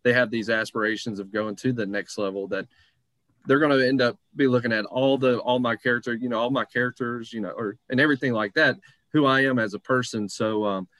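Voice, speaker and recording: Dude hosting a sports show, dry close sound, mid voice, chatty and rambly. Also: male voice, mid-range voice, steady tone, brisk, fairly bright tone, no echo. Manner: rambling, conversational. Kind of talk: casual sports chat.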